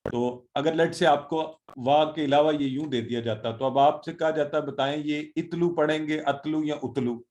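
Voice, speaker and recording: A man's voice: medium pitch, darkish tone. Encouraging male Quran teacher on a call. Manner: encouraging, repeats Arabic words slowly and drills students. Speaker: online Quran and Arabic teacher. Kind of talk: live online class, quizzing students. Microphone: video call.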